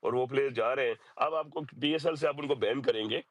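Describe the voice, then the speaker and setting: A man's voice: mid-range voice, fairly quick, no echo. Man with a sore throat, debating cricket. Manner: mixes English phrases into his talk, lecturing tone. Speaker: caller in a cricket audio chat. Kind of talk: casual debate. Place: lives in Europe.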